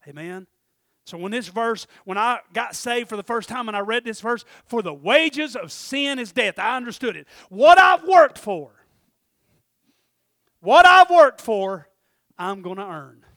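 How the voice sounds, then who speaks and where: A middle-aged man preaches in a high, ringing voice. He swings between shouted urgency and hushed, personal asides. The sound is close and dry, with no room around it. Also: animated, measured pace, no room sound. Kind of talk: sermon.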